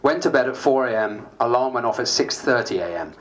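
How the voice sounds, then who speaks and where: In a lightly acted, dramatised diary, a man plays a harried, self-mocking MP, narrating dryly and wryly in a weary mood. His mid-range voice is animated and a little fast, with faint background noise.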